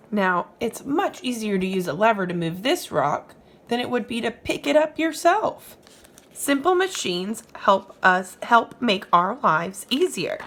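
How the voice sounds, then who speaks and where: Like a teacher with a group of small children, this woman reads a story aloud, stopping to explain things and quiz her listener. She has a fairly high, fairly bright voice.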